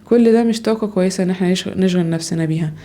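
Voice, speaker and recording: A woman's voice: fairly low pitch, very fast, warm tone. A young woman with an Egyptian accent, talking to her podcast listeners at home in a rambling, reflective and self-doubting way. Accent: Egyptian Arabic. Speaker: podcaster, mother. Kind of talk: casual personal monologue.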